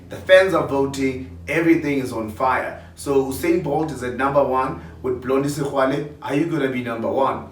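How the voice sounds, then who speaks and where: A man's voice: medium pitch, a bit bright. A man presenting award nominees in a countdown with an upbeat, hype-style pep talk. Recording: roomy, distant mic.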